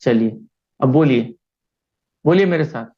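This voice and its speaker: A man's voice: mid-range voice, lively intonation, measured pace, highs cut off, background noise. A man teaching a primary school class online, speaking patiently and often checking that the children understand. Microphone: video call.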